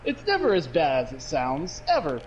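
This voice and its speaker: A young man co-hosting a casual podcast, his voice high and bouncing all over. He rambles, swears freely and breaks into laughter. A faint background hum sits under the talk. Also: huge pitch swings, normal speed, dull audio. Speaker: podcast co-host. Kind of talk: casual chat.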